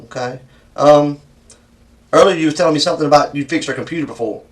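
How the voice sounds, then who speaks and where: A man's voice: on the high side, quick pace, far from the mic. A man with a Southern US accent questioning someone as a police interrogator, persistent, probing and folksy, often repeating answers back as questions.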